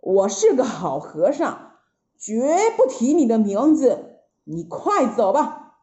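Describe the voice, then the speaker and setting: A woman voicing a stern, righteous old male monk who speaks slowly and reproachfully. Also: fairly high pitch, very animated, dark tone. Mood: dismissive. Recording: slightly dull lo-fi recording.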